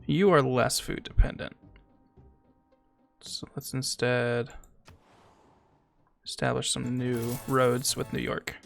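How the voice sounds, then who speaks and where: A man streaming a strategy game, chatting casually, thinking aloud, talking to his chat, and sometimes reading game text aloud slowly. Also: medium pitch, level tone, vocal fry, faint music behind. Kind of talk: casual gameplay commentary.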